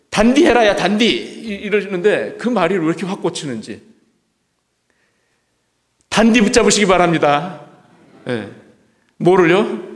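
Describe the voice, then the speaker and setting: A male pastor preaching a sermon, repeating key phrases and asking the congregation rhetorical questions. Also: on the high side. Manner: asks the congregation rhetorical questions, emphatic repetition. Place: church sanctuary. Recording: long hall reverb.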